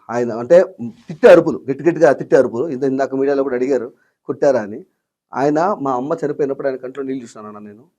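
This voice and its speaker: A young man, a guest in an interview, telling an emotional story fast and in an agitated way, acting out the voices of the people he quotes. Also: medium pitch, warm tone.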